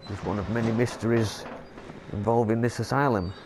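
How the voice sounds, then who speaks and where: Congested from a cold, a man casually commentates a horror game in a lowish, fairly even voice at a brisk pace, with a noisy background behind him. He stumbles over long words while reading notes aloud in this let's play.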